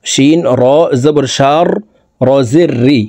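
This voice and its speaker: A man teaches Quran recitation, moving between quick spoken explanations and long, melodic chanting of each verse. His voice sits a little high but sounds mellow and dark. The recording is dry, with no room sound. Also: steady tone, no room sound. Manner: slow drawn-out melodic recitation alternating with brisk explanation.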